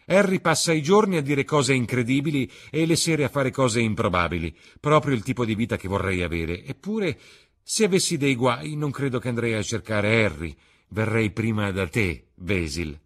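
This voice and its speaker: A man voicing a charming, evasive young man in an audiobook reading, lifting his voice higher and livelier than his narration. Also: normal speed, lightly acted. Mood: light, evasive. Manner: bright, animated, higher-pitched delivery.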